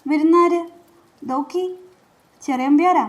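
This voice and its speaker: A woman voicing an eager young servant boy who talks in a pleading, lively way. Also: high-pitched, a little slow, lo-fi sound, pitched above the performer's own voice.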